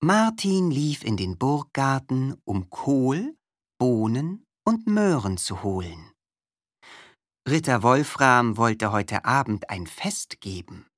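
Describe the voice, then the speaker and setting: Slow, very low-voiced woman storyteller. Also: no echo, studio quality. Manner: measured, expressive storytelling. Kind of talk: children's story reading.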